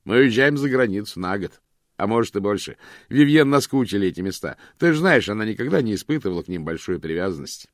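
A man's voice: fairly low pitch, lively intonation, fast, no echo. Reader plays a breezy, chatty middle-aged man, a little awkward, dry close sound. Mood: cheerful. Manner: cheerful, chatty. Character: cheerful middle-aged husband, a bit awkward.

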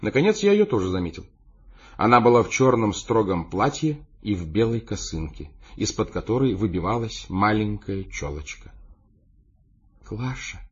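Мужчина читает аудиокнигу от первого лица, живо и выразительно. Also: male voice, fairly low pitch, very animated, normal speed, slightly rough, dull audio. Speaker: audiobook narrator. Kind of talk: first-person audiobook narration.

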